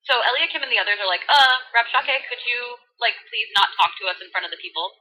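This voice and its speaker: A woman performs a story as a sassy Valley Girl, with a Californian accent and gushing slang. Her voice is fairly high and extremely bright, with a husky edge. She peppers the retelling with casual fillers and dramatic emphasis. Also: fast, low-quality recording. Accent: American, Californian Valley Girl.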